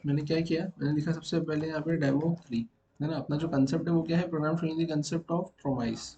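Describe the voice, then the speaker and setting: Speaking briskly in a slightly high, mellow voice with fairly even intonation, a man teaches a programming class in person. He breaks the material down step by step and keeps checking that the students understand, all on dull-sounding audio.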